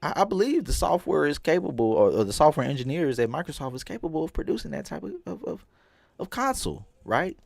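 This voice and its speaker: A man hosting a casual podcast, swinging between loud exclaims and low mutters. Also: very animated, quick pace, gravelly, dry recording. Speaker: podcast host.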